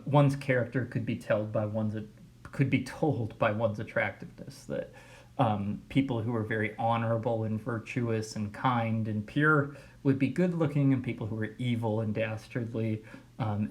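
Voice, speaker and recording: Guy teacher rambling casually through a video lecture, mid-pitched voice. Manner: casual, thinking aloud with fillers.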